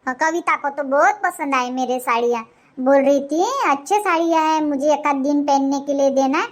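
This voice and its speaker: Cartoon casting: a woman as a breezy young daughter-in-law, very high and chatty. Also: moderate pace, natural voice. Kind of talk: comic cartoon voice acting.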